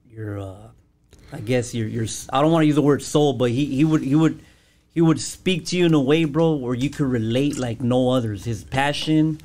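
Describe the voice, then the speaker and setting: Halting, slangy man with a mid-pitched voice. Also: darkish tone. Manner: halting, searching for words, slangy. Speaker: podcast guest. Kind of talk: casual chat, personal testimony.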